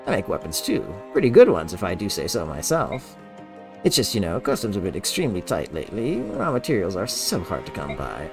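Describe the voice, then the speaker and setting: A man's voice: low voice, wildly swooping pitch, a little fast, vocal fry, music in the background, exaggerated voice. A man voicing a friendly, chatty male blacksmith selling his wares.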